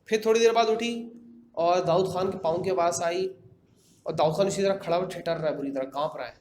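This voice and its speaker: A man with a high, slightly mellow voice casually retells a horror story in his own words, conversational and full of fillers and repeated phrases. The room is echoey, with faint background noise.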